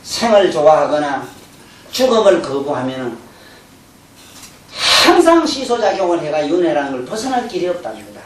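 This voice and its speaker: A Buddhist teacher gives a colloquial, animated sermon, often acting out everyday talk and laughing. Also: medium pitch, moderate pace. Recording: roomy hall from a distant mic, faint hum.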